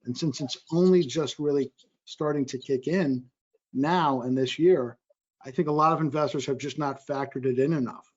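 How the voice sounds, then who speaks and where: A man speaking as an investor on a panel, energetic and quick, often cutting into his own sentences. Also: medium pitch, lo-fi sound. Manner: energetic, quick, self-interrupting. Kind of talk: panel discussion. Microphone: video call.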